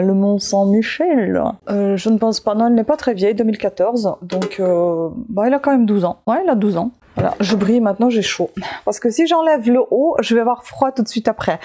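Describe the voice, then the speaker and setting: A woman talks casually to camera, rambling from object to object with lots of restarts and self-mocking asides. Her voice is mellow and soft-edged, at an ordinary middle pitch. She sounds tired and overheated. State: hot and tired. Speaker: vlogger showing her street-find haul.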